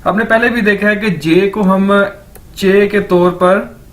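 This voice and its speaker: A man teaching a recorded lecture, saying each word slowly and over and over for learners. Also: sits high, fairly even intonation, fairly bright tone. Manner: repeats words slowly for learners. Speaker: language teacher.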